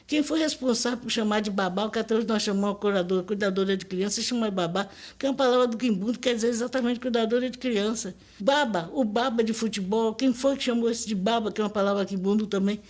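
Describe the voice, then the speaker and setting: A woman's voice: fairly high pitch, fast, a little mellow. An older woman from Brazil with a Brazilian Portuguese accent, speaking as a linguist in a documentary interview, emphatic and didactic. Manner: emphatic, didactic, spells out pronunciations.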